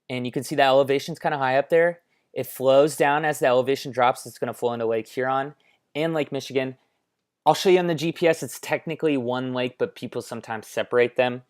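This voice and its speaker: An American man giving an informal, conversational explainer with offhand asides, talking into a headphone microphone. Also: mid-range voice. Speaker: presenter. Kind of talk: casual explainer commentary over maps.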